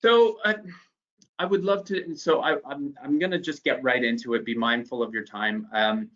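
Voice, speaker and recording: A man's voice: medium pitch, normal speed, a bit bright, highs cut off. A man hosting an online panel interview, speaking hesitantly with many fillers and restarts. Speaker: panel host.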